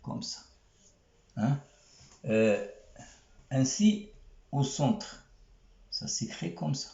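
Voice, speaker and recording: A man teaching letters slowly and patiently, sounding out syllables one by one. His voice is mellow and dark, and it is recorded in a roomy space with a dull, muffled sound. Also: medium pitch, expressive, gravelly. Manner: patient, repeats syllables and checks understanding. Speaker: Arabic teacher. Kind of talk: slow spoken lesson.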